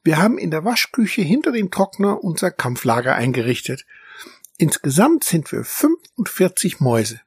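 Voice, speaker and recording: A man voicing a small, brave and boastful male mouse in a storybook, with a high, squeaky and eager voice. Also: big pitch swings, moderate pace, husky, no echo, heavily acted.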